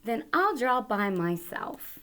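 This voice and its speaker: A woman doing a gentle, coaxing storybook mom. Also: a little high, big pitch swings, slow, background noise. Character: patient, cheerful mother of a young boy.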